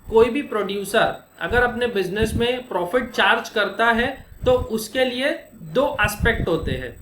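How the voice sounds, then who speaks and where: A man's voice: high voice, sharp tone. Man teaching accounting in an echoey room. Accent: Indian. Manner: explains step by step with rhetorical questions; slows down to dictate formulas. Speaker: commerce teacher. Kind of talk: classroom lecture. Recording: echoey room, faint noise.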